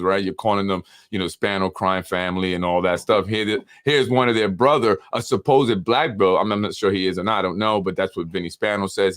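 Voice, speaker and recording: A man with a fairly low voice hosts a casual interview. He questions his guest carefully and keeps summing up what was said, often pausing to ask "right?". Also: a bit bright. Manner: probing, recapping with frequent "right?". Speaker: podcast host.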